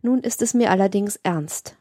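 A woman's voice: medium pitch, normal speed, dark tone, dry recording, natural voice. An imperious, cold mistress from an audiobook novel reading, voiced by a woman. She speaks in a stern, haughty way, with open contempt. The sound is dry and close. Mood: stern, commanding. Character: cold, imperious woman, commanding her lover.

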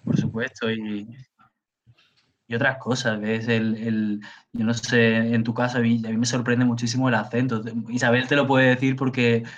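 A man's voice: mid-range voice, flat delivery, normal speed. A man from Spain, a university professor, talking emphatically as an interview guest and repeating words for stress. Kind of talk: conversational interview. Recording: dull lo-fi audio.

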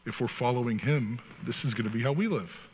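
A man's voice: medium pitch, brisk, a little mellow, in a large hall, a little hiss or hum. A man preaching a sermon in a conversational way, with sarcastic asides and acted-out quotes. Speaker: pastor.

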